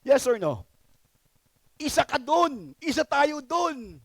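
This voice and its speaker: A man's voice: extremely high pitch, big pitch swings, slow pace, no echo. A man preaching a sermon as pastor, emphatic and often checking in with the congregation.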